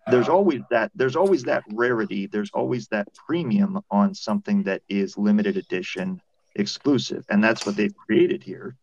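A man's voice: fairly low pitch, normal speed, no echo. A man on a video call in a casual podcast debate, explaining his points step by step. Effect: heard over a video call. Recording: dull, dry video call audio.

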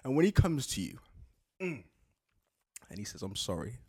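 A young man, talking in a loose, casual chat as co-host. His voice swings up and down with lively pitch. He tells stories with animation, putting on voices for the people in them and breaking into laughs. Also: moderate pace, husky. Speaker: podcast co-host.

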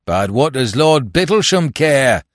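A man voicing a young male soapbox agitator who gives a rousing speech and builds to a shout. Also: medium pitch, very animated, measured pace, dry recording, studio quality, voice pushed down.

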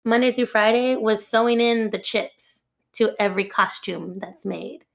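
A young woman chatting as a guest in an interview, telling a lively story, says "like" often and acts out what others said. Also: mid-range voice, moderate pace, creaky. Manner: animated, acts out quoted voices. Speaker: guest, costume pattern maker.

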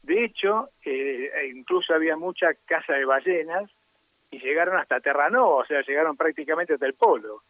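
A man's voice: fairly high pitch, brisk, a bit bright, no room sound, dull audio. A man speaking as a radio guest, explaining at length with hesitant fillers. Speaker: radio guest on Basque culture.

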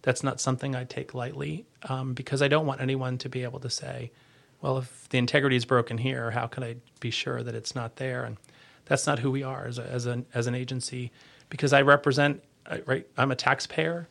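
A man giving a conversational podcast interview as an agency leader, earnest and halting, often rephrasing as he goes. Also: mid-range voice, flat delivery, creaky, fairly bright tone.

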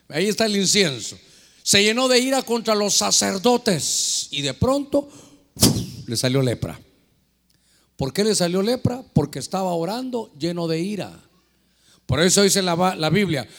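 Animated preaching man, high lively voice. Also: in a large hall. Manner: animated, preachy, acts out prayers and dialogues. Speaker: pastor. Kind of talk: lively sermon with questions from listeners.

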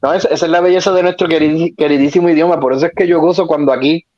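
A man's voice: fairly high pitch, fairly even intonation, racing, a little mellow. Puerto Rican man, playful word banter. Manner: playful, riffs on word pronunciations. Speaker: podcast co-host. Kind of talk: casual banter. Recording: dull lo-fi sound.

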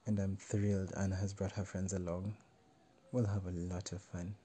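A man voicing a charming, gently amused male salsa teacher in a spoken story. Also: deep voice, flat delivery, normal speed, a little hiss or hum, natural voice.

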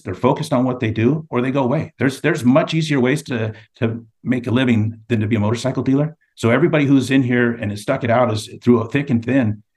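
A man's voice: mid-range voice, darkish tone. Man telling anecdotes as an interview guest. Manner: anecdotal storyteller. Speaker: magazine editor, guest. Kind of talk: casual interview.

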